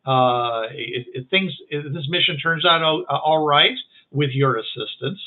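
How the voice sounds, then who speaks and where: A man's voice: on the high side, unhurried, lightly acted. A man voicing a pushy male band leader who presses others to interrogate a captive, in a tabletop game, over a tinny call line. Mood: urging. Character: male leader of a band urging prisoner torture.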